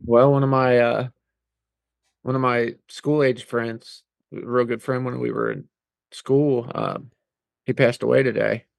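A man's voice: medium pitch, flat delivery, a little slow, vocal fry, no room sound. A man in his forties co-hosting a podcast, telling stories in a laid-back, plainspoken way. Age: 40s. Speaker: podcast co-host. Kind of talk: casual conversation.

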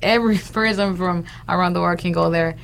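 Gravelly young woman from Honduras. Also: on the low side, steady tone, brisk, a little hiss or hum. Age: young adult. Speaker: interview guest, international student. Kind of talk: casual interview chat.

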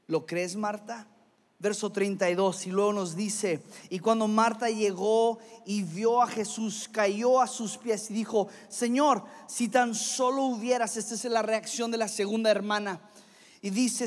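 A man preaching a sermon, reading scripture slowly and then chatting casually with the congregation. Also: high-pitched. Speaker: pastor. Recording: reverberant hall.

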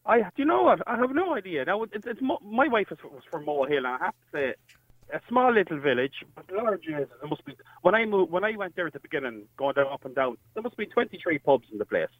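A man's voice: high-pitched, very animated, fast talker, dry recording. An Irish man chatting casually as a caller to a radio phone-in over a telephone. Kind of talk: casual chat. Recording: thin band-limited phone line.

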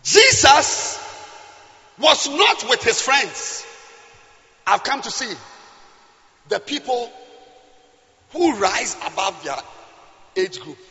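Male preacher, West African accent, fiery sermon, emphatic repetition, lively swings between shouting and hushed asides, reverberant hall. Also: very high-pitched, slow, long pauses. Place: large indoor church hall. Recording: echoey hall, slightly dull sound.

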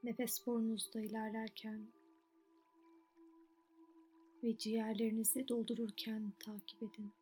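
A woman softly narrating a guided relaxation meditation in a soothing, unhurried way, with long pauses between short phrases. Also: fairly high pitch, flat delivery, faint music behind.

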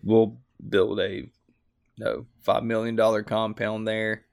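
Gravelly laid-back veteran guest. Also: male voice, lowish voice, monotone, slow pace. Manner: laid-back, profane, chummy. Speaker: podcast guest, Army veteran. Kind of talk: casual conversational interview.

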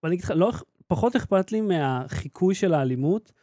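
A man in his thirties with an Israeli accent, co-hosting a podcast in casual, animated chat. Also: sits high, no room sound, clean studio sound. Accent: Israeli Hebrew. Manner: animated, ranting. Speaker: podcast co-host.

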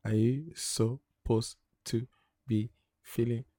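A young man hosts a casual podcast rant show, opening with hype for the audience before sliding into loose, joking chat and laughs with his co-hosts. His voice is mellow and medium-pitched with fairly even intonation, and he takes his time. There's no echo.

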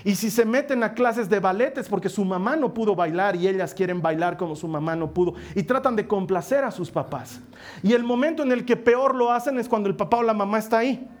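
A man preaching a sermon as a pastor, emphatic, slowing down dramatically and dropping to a soft voice on key phrases. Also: high voice. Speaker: pastor and coach.

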